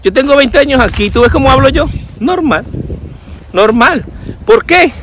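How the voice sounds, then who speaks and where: A man's voice: very high voice, expressive, normal speed, fairly bright tone, a little hiss or hum. A man giving casual sarcastic commentary, often mimicking people. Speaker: vlogger.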